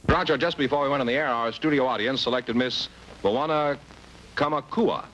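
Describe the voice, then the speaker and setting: A man announcing scores and introducing contestants on a quiz show, brisk and formal. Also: medium pitch, fairly bright tone, slight background noise, low-quality recording. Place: television studio.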